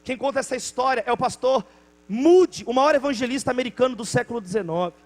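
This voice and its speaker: A man's voice: very high-pitched, fast talker. A male pastor with a Brazilian Portuguese accent preaching a sermon with passion, acting out the people in his stories.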